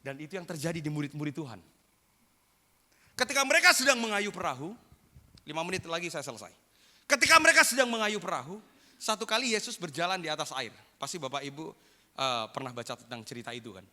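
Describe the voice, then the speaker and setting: A man preaching a sermon as pastor, animated, acting out quotes and rising to loud bursts. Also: fairly high pitch, fast. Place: church hall. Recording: long reverb of a church hall.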